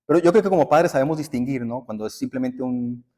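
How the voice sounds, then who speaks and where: A man's voice: medium pitch, fast talker, darkish tone. Guy preaching in church, chatty storytelling, keeps calling folks brothers. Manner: conversational storytelling preaching, addresses listeners as brothers. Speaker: pastor. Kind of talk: sermon. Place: church sanctuary.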